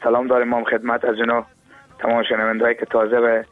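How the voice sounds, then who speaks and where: A man's voice: mid-range voice, completely flat delivery, narrow, tinny audio, soft background music. A man with an Afghan Dari accent, a singer who is a guest on a radio show, speaking modestly and deferentially. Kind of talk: casual radio chat.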